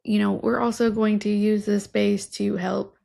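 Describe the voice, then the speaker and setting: Warm and gravelly, this mid-range female voice stays level at normal speed. She's a thirtysomething co-host of a laid-back podcast, earnest, enthusiastic and a self-described nerd, talking into a studio mic on a stand while wearing headphones in an indoor room with patterned wallpaper.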